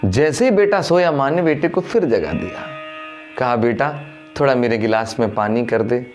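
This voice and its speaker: A man's voice: medium pitch, expressive, moderate pace, soft background music. A man preaching a Buddhist sermon, telling a moral story, calling his listeners brothers in the dhamma and acting out the voices in it. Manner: addresses listeners as dhamma brothers, acts out dialogue with raised voice.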